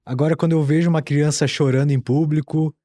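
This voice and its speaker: Guy hosting a podcast, warm mellow voice, easygoing, dry close mic. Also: a little high, fast talker, dry recording. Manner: relaxed storytelling with fillers and restarts. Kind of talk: casual podcast chat.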